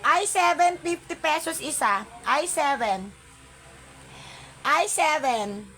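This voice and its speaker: A woman's voice: high voice, expressive, takes it slowly, pushed and bright, slight background noise. A woman hosting an online live-selling stream, chatting with viewers by name and calling out item codes and prices, slipping English words into her talk.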